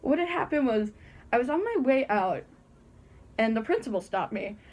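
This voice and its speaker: A teenage girl chats through a funny story in her warm bedroom, her voice sitting a little high. She giggles often and jumps into the voices of the people she describes. The sound is muffled by the costume head she has on. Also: very animated, normal speed. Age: teens. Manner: giggly, chatty, acts out quoted voices. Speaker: vlogger. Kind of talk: casual storytelling.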